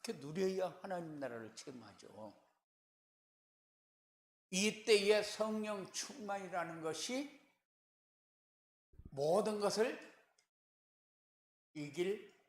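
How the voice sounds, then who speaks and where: A man preaches from the pulpit of a church sanctuary, speaking slowly and deliberately with long pauses between phrases. He poses rhetorical questions and answers them with firm, repeated refrains, pushing louder on the key words. His voice sits a touch high, and the room rings with echo. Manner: emphatic swells in loudness on key words. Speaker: pastor. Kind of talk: sermon.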